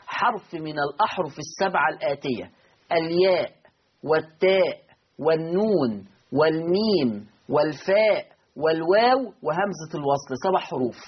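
An Egyptian man teaching Quran recitation rules, patiently repeating each rule, asking and answering his own questions and slowly chanting example words. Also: high-pitched, breathy edge, lo-fi sound. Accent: Egyptian Arabic. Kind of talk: recorded lesson.

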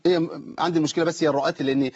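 A man with an Egyptian accent teaching Quran recitation rules on a call-in broadcast, quizzing listeners in rapid explanations and reciting verses slowly in a melodic chant. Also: fairly high pitch, fairly even intonation, darkish tone, muffled recording. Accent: Egyptian Arabic. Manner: quick explanatory chatter with question-and-answer drills, slow melodic recitation. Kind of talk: tajweed lesson on a call-in broadcast.

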